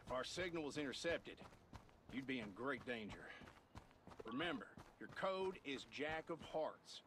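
A man's voice: medium pitch, lively intonation, measured pace, noisy background, close to an everyday voice. An actor playing a serious, earnest male survivor giving directive mission briefings in a video game. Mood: serious, urgent.

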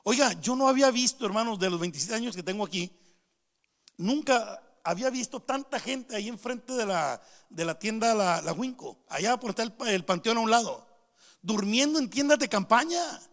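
A man's voice: high voice, animated, normal speed, fairly bright tone. A middle-aged man preaching a sermon, telling stories and calling out to the brethren as he goes. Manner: storytelling, keeps calling out to the brethren. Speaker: pastor. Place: church hall. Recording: long hall reverb.

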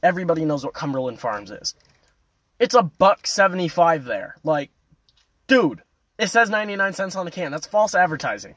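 A young man ranting to camera in a casual, foul-mouthed vlog, loud and animated, veering between yelling and muttering, parked at a roadside turnout. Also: on the high side, a little fast, no echo. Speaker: vlogger. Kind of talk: casual profane rant to camera.

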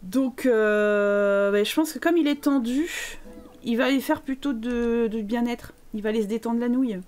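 A woman's voice: a little high, measured pace, darkish tone. A woman streaming a life-sim game live, chatting playfully to her characters and thanking viewers as she goes. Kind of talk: live gameplay commentary.

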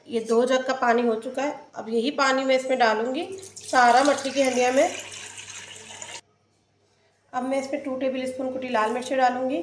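Cooking host, woman, high voice, step-by-step recipe narration in an echoey home kitchen. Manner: plain, explains each step as she works.

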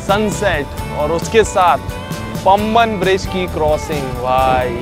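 A young man chatting excitedly to a phone camera at arm's length while riding a moving train, with music playing underneath. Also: a little high. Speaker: train travel vlogger. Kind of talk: casual travel vlog.

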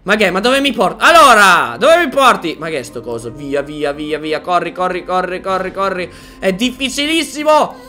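A man commenting on his own gameplay in an excited, jokey way, yelping and shouting when he gets scared. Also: sits high, moderate pace, faint music behind. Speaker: gaming YouTuber.

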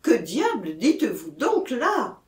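A woman reading an audiobook, voicing a skeptical doctor who talks in a sharp, incredulous way. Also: very high voice, huge pitch swings, slow, recorded from a distance, voice pushed up, full character voice. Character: skeptical, scornful male doctor. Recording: echoey room.

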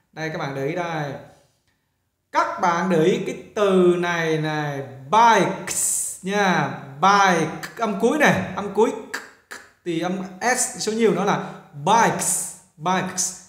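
A man teaching an English lesson, explaining slowly and repeating words to model their pronunciation. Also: on the high side. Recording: echoey room.

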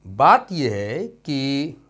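A man's voice: mid-range voice, very animated, extremely slow. A male English teacher giving a classroom grammar lesson. He stretches out example words and repeats them, and he keeps checking that his students follow. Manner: addresses students warmly as "son" and checks understanding with "okay?".

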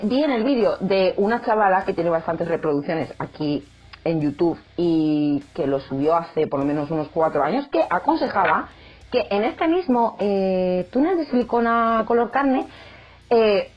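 A woman's voice: mid-range voice, muffled recording. Chatty young woman vlogging. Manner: chatty, jokey, animated, acts out quoted voices. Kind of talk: casual chat to camera.

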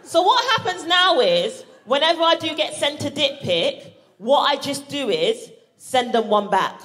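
A stand-up comedian from Barbados, a woman with a British accent and a high-pitched voice, performs at a measured pace to a live crowd. The set is sweary and exclamatory, with animated acted-out reactions, and the recording picks up audience laughter and the room's ambience.

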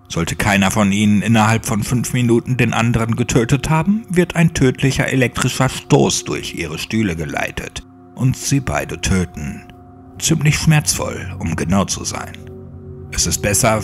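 Horror audiobook villain: a man playing an icy, courteous captor on a loudspeaker, lively delivery, gravelly edge, faint music bed. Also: fairly low pitch, voice pushed up. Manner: formal, mocking politeness. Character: cold male loudspeaker game-master voice, polite and sadistic.

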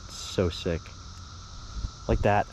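A young man vlogging while pond fishing, excitedly talking to his viewers. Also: fairly low pitch, takes it slowly, noisy background. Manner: excited, exclamatory, talks to viewers. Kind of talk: casual outdoor fishing vlog. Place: outdoors by a pond.

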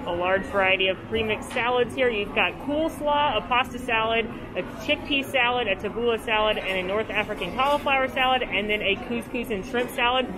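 Her fairly high voice runs a little fast with hardly any pauses, captured in a low-quality recording. A young woman who vlogs food and theme parks, she gives a gushing, chatty review and food tour in a large indoor buffet, amid busy crowd chatter.

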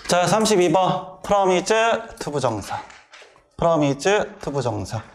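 A middle-aged man lectures his class on English grammar in a fairly high, very animated voice, rattling off questions and answering them himself. Slight background noise is present.

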